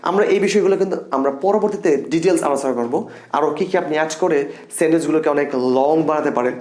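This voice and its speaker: Lively young male teacher, casual lesson tone, roomy echo. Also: fairly high pitch, fast talker. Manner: animated and expressive, repeats example sentences. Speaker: English teacher. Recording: echoey room.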